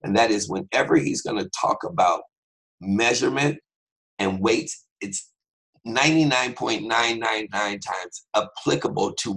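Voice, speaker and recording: Gravelly deep-voiced man teaching scripture. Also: a bit bright, poor audio. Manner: fast, conversational, with joking asides. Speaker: Bible teacher. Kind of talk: podcast Bible teaching.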